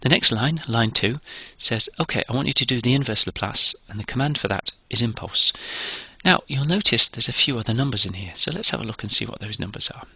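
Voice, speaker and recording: A man's voice: mid-range voice, expressive, a little fast, slightly rough, dry recording, lo-fi sound. A man giving a recorded engineering lecture, explaining each step methodically.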